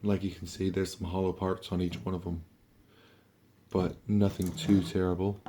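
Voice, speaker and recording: A man who sounds under the weather, giving a casual, halting, offhand hands-on toy review and talking through each step. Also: low voice, flat delivery, mellow, a little hiss or hum. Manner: offhand, halting, mildly sweary.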